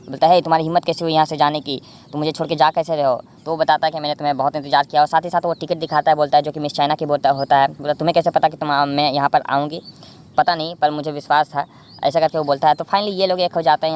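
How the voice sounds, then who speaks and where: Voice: medium pitch, darkish tone, clear, resonant tone. A narrator from India giving a casual, rambling recap of a drama episode, often correcting themselves mid-sentence with fillers.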